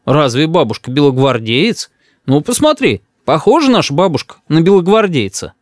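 A man's voice: a little high, big pitch swings, normal speed, no echo, studio quality, voice pushed up. A man playing a sly, mild old grandfather. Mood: soothing. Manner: mild, soothing, mock-stern.

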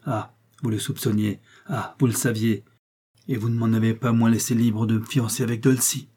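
A man's voice: medium pitch, fairly even intonation, normal speed, warm tone, breathy edge, close to an everyday voice. A man voicing a grave, insistent young nephew in a storybook reading, pressing his questions. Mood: urgent.

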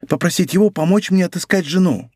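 A man's voice: sits high, fast, a little mellow, slightly rough, no room sound, studio quality, pitched above the performer's own voice. A man voicing a frightened, fussy middle-aged shopkeeper who pleads and exclaims in an audiobook. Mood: agitated pleading. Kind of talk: audiobook character voice.

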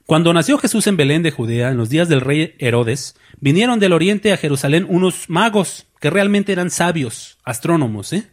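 A man preaching a sermon as pastor, lively, asking the congregation questions and acting out voices. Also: a little high, moderate pace, few pauses.

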